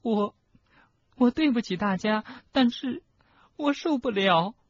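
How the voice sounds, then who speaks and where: A man voicing a frightened, clever teenage schoolgirl witch in an audiobook, with loud, shrill, pleading outbursts. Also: lively intonation, slow, no room sound, muffled recording, full character voice. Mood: sobbing. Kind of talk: audiobook character reading.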